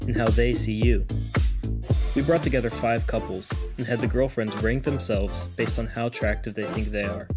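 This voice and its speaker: A woman giving measured, scripted narration. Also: a bass voice.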